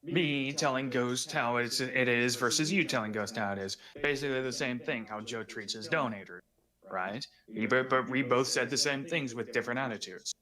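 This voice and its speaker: Dude mediating a stream argument, says like a lot, mid voice, crowd noise in back. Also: male voice, medium pitch, moderate pace. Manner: patient, steering the argument with many "like"s. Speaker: guest mediating a dispute. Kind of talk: livestream discussion.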